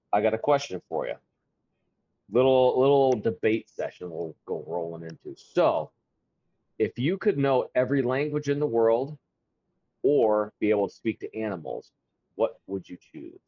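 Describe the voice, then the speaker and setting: A man in his thirties co-hosting a podcast, talking casually, animated, stumbling over restarts and laughing often. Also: fairly low pitch, unhurried, long pauses, slightly rough, dry recording, lo-fi sound. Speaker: podcast co-host. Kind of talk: casual chat.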